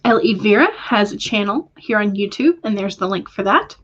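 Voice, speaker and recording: A woman chats casually on a writing livestream and reads out viewer comments. Her pitch sits in the middle, and she fills her talk with ums and quick self-corrections. The audio is a little dull and lo-fi. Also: lively intonation, a bit bright. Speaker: writing stream host.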